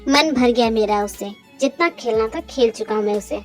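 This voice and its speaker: A woman voicing a cold, possessive young mafia boss man in a fan audio drama, with a flat, domineering delivery. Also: on the high side, brisk, soft background music, close to an everyday voice.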